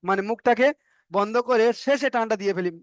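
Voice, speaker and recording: A man with a Bengali accent and a high-pitched voice talks fast as he patiently explains how to read Arabic letters in an online lesson. He repeats the letter names and stretches the sounds to demonstrate, with no echo in the recording.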